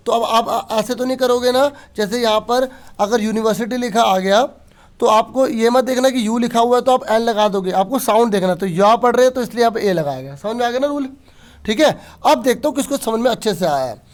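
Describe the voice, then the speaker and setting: A male teacher explaining grammar to pupils, asking questions and answering them himself. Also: sits high. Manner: explains patiently, asks and answers his own questions. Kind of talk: online grammar lesson.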